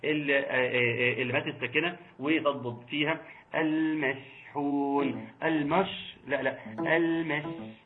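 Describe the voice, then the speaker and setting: A man with an Egyptian accent teaching Quran recitation rules online, reciting slowly and patiently correcting his students. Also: on the high side, steady tone, phone-quality sound. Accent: Egyptian Arabic. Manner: slow drawn-out recitation of verse examples, patient corrections.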